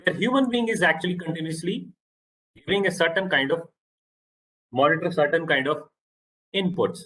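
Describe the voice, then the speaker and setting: Indian guy lecturing on a video call, slightly high voice, keeps restarting sentences. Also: bright, forceful tone, low-quality recording. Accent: Indian English. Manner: halting, repeats words, loose grammar. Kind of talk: online lecture.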